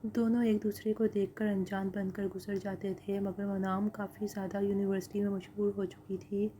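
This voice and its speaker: A woman reads a dramatic story aloud in a steady narrating voice. Her tone is mellow and relaxed, and her pitch stays flat and even. There is a faint ambient hiss behind her.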